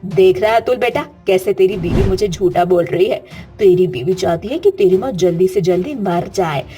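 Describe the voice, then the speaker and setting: A woman's voice: on the low side, moderate pace, dark tone, faint music behind, lightly acted. A woman voicing a domineering older mother-in-law in a cartoon story, who talks in a harsh, scolding way. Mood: scheming.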